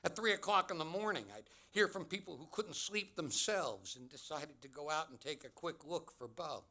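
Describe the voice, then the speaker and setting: A man giving a commencement address, telling a personal story in a measured, deliberate way with dramatic pauses. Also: a little high, pushed and bright. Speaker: commencement speaker.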